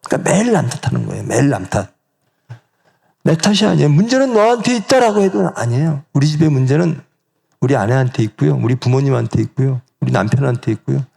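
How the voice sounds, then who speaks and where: A male pastor in middle age delivers a sermon in a church. His voice is somewhat high for a man, with a gravelly edge and a very lively, rising-and-falling pitch. He keeps asking the congregation questions and slips into the quoted voices himself. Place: church sanctuary.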